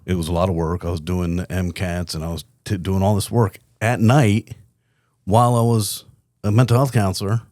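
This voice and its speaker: Deep-voiced, candid storytelling man. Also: steady tone, a little mellow, no echo, studio quality. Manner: candid, reflective storyteller with quick laughs. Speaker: podcast guest, company CEO. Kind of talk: casual interview storytelling.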